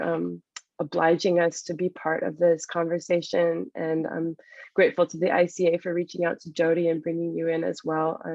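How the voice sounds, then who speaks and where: Gravelly flat voice, dull dry recording. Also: mid-range voice, no echo. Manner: grateful, reflective. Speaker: panelist artist. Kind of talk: panel discussion.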